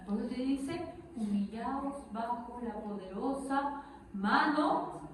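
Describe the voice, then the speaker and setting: A woman preaching a sermon, lively, asking the congregation rhetorical questions. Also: a little high, slow, noisy background. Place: church hall. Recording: echoey hall, from far off.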